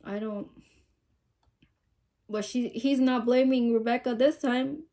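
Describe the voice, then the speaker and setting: Her voice sits a little high, steady and dark, and she takes her time. Congested and sniffling, she talks through a true-crime case in a chatty way, reading news quotes aloud and asking her viewers questions.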